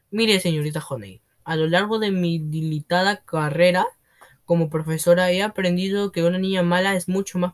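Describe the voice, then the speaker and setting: A man's voice: high voice, natural voice. A man voicing a domineering, scornful headmistress who roars and bullies in a storybook reading. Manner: roaring, contemptuous, bossy. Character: bullying domineering female headmistress, booming and scornful.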